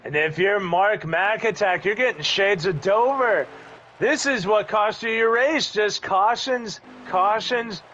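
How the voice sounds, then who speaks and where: A man doing live play-by-play commentary of an online race, with an excitable manner. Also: high voice. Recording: dull lo-fi audio with faint background noise.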